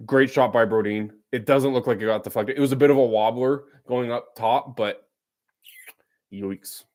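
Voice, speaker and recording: A man's voice: mid-range voice, a little slow, long pauses, darkish tone. A man streaming a live watch-along of a hockey game, calling the play and bantering with viewers in a teasing, casual way. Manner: chatty, teasing, jumps between play-by-play and banter.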